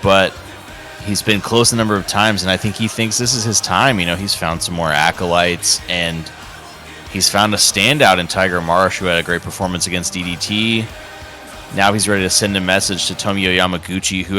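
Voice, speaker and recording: A man's voice: deep voice, pushed and bright. A man giving wrestling commentary as the color analyst, in a conversational, analytical way.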